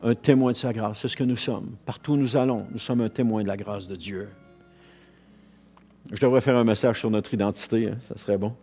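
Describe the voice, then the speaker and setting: A man's voice: fairly low pitch, steady tone, brisk, mellow, soft background music. A man with a Quebec French accent preaching a sermon as pastor, earnest, repeating phrases and restarting lines as he goes.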